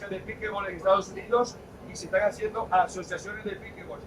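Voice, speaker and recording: Lively Dominican tour guide, outdoors. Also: male voice, high-pitched, fast talker, crowd noise. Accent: Dominican Spanish. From Dominican Republic. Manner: lively, quizzes the group with questions. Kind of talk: guided walking tour talk. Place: outdoors in a city.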